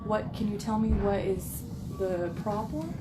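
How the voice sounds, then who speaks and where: Calm nursing supervisor in an echoey room. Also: female voice, mid-range voice, measured pace. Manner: calm and accommodating. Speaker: hospital charge nurse supervisor. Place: hospital room. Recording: echoey phone audio with loud room noise.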